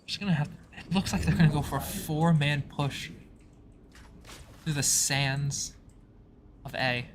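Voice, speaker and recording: A young man casting a live college esports match, calling the action in quick bursts that climb into excited exclamations over a headset mic. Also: fairly high pitch, crowd noise. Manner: fast, excitable play-by-play with rising exclamations. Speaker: esports caster. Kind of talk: live esports play-by-play commentary.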